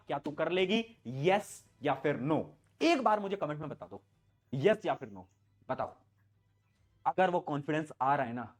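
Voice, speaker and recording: A young man tutoring students online, giving a motivational exam-prep talk that speaks straight to them and repeats his points. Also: on the high side. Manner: pep-talk, addresses students directly, repeats phrases. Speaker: online tutor for board exams. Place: indoor room, standing before camera.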